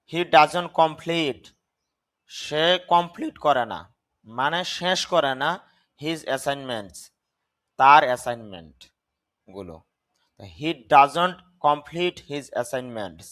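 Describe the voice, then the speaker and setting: A man teaching English grammar, reading example sentences slowly, translating them and correcting the pronunciation of words. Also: on the high side, fairly bright tone, dry recording. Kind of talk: slow grammar lesson.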